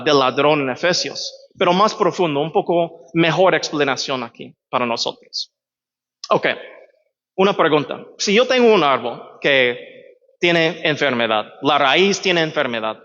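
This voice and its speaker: Here a pastor, his voice slightly high and bright, gives sermon teaching in a reverberant church hall. He addresses the audience conversationally, asking "¿verdad?" again and again. The audio is dull and has a long church reverb.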